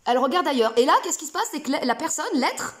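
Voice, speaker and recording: Playful high-voiced French woman rambling. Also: quick pace. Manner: rambling, playful, many fillers. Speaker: self-help video host. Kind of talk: casual spoken explanation to camera. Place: home room.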